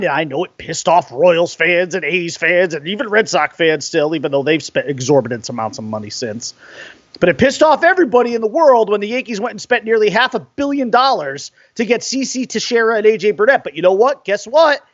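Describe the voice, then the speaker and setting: A man ranting on a sports show, exasperated and cursing as he builds his case. His voice sits high and swings widely up and down. The sound is dry and a little dull, like a lo-fi home recording. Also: very animated, a little fast, dry recording. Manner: fired-up, exasperated, profane rant. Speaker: sports podcast host.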